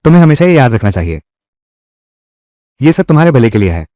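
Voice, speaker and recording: A man's voice: medium pitch, very animated, fairly quick, warm tone, no echo, clean studio sound, close to an everyday voice. A man voicing heated, scolding family quarrels in dubbed drama dialogue. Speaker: voice actor dubbing a village family drama.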